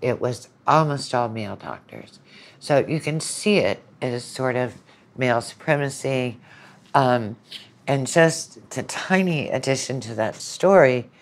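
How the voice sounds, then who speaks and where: A middle-aged woman lecturer, appearing as a guest, talks through her opinions in a conversational way, using anecdotes and quoted asides. Her voice is rumbling and low, expressive, and measured in pace. She comes across as opinionated and analytical, often quoting imagined speakers.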